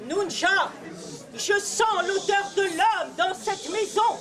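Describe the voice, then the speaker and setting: A woman voicing a cruel, greedy ogress mother who shouts and gloats in drawn-out boasts. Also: extremely high pitch, crowd noise. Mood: gloating.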